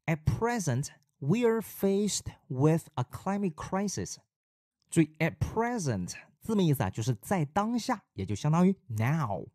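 A man from China teaching an English vocabulary lesson in a lively, explanatory way, mixing in English example sentences. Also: on the high side, unhurried, no echo, studio quality.

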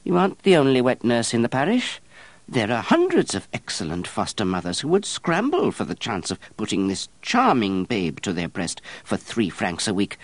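A man's voice: lowish voice, no echo, voice pushed up. A man voicing an easygoing, fussy middle-aged monk who complains in a peevish, rising voice. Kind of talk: audiobook character voice.

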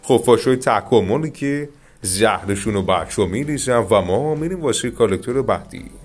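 An Iranian man talks viewers through a mobile strategy game in a chatty, excited way. His voice sits low in pitch. Faint game music plays under his commentary. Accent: Iranian Persian. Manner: excited, chatty, often addresses viewers as dear friends. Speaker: gaming YouTuber. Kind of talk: casual gameplay commentary.

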